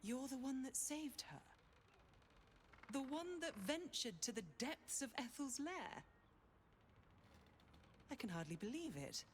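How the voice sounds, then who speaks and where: A valiant, declamatory heroic cleric. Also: female voice, high-pitched, big pitch swings, slow pace, pauses often, a little hiss or hum, exaggerated voice. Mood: amazed, hopeful. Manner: declamatory, earnest heroic delivery. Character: valiant, pious female cleric, protective and fervent. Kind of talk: fantasy video game acting.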